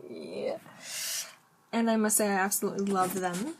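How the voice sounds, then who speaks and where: A woman talks with braces in a casual vlog style, her voice sitting at a medium pitch. She is chatty and rambles along, often breaking into her own sentences to add an aside. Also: fairly even intonation, normal speed. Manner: talking with braces; rambling, chatty, self-interrupting. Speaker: vlogger. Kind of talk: casual chat to camera.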